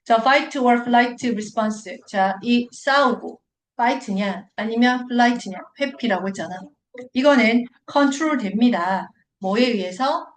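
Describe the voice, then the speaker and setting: A young woman teaching an English class who keeps quizzing her students with quick questions as she explains. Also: a little high, a little hiss or hum. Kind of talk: classroom lecture. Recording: roomy echoing classroom.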